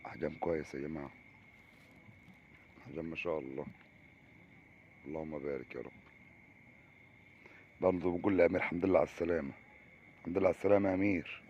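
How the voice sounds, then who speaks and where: Egyptian man, Egyptian Arabic accent, deep and rapid, chatty outdoor vlogger on a muffled lo-fi recording. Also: a little hiss or hum. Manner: chatty, keeps addressing viewers with pious exclamations. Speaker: fishing vlogger. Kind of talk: casual fishing vlog commentary. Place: outdoors on a Nile riverbank.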